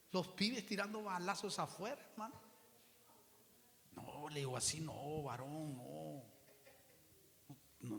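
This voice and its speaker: Gravelly preacher telling his testimony. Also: fairly high pitch, a bit bright. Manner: storytelling, acts out quoted exchanges. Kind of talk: sermon testimony. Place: church hall. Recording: reverberant church hall.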